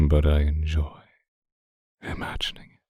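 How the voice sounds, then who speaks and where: Heavily acted yet completely flat in delivery, a man voices a seductive, obsessive vampire stalker in a hushed ASMR roleplay, teasing and possessive in mood. Very deep, breathy and husky, he often whispers, speaking slowly and formally into a close mic with a dry, echo-free sound.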